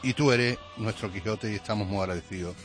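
A man's voice: fairly low pitch, fairly quick, faint music behind. A male radio co-host speaking earnestly and gratefully to his boss on air. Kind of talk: casual radio chat.

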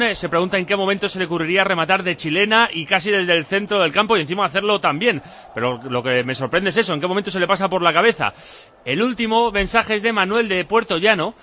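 A man's voice: high-pitched, bright, forceful tone. A man reading out listeners' messages on a radio sports show with a wry touch.

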